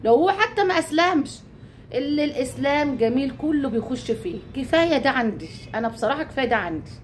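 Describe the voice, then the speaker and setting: A woman's voice: sits high, lively intonation, fast talker, a little hiss or hum. An Egyptian woman talking casually to her viewers, chatty, swearing oaths and calling them her dear ones. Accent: Egyptian Arabic. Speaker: YouTube channel host.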